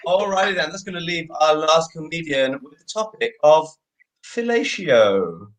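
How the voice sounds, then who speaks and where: A woman hosting a comedy show, announcing the next acts in a drawn-out way. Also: deep voice, expressive, poor audio.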